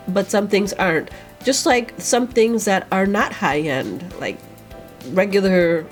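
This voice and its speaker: A woman vlogger, stuffy and sniffling with a cold, rambling in casual chat as she answers viewer questions. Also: medium pitch. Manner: rambling, chatty, with fillers.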